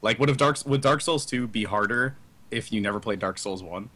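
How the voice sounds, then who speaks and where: A man's voice: fairly low pitch, a little fast, sharp tone. A man in a casual podcast chat over a video call, hedging his opinions and restarting his sentences. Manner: hesitant, hedges with many fillers and restarts.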